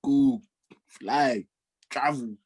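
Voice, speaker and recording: A young man co-hosts a casual podcast chat, lively and joking as he acts out quotes. His medium-pitched voice is slightly rough, and he speaks very slowly.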